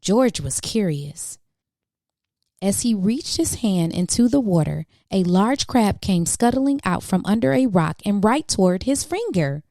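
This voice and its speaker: A channel host with a soft, mellow voice reads a children's picture book aloud at a measured pace, her pitch swooping playfully to highlight questions and exclamations for young listeners. The recording is close and dry, without any echo.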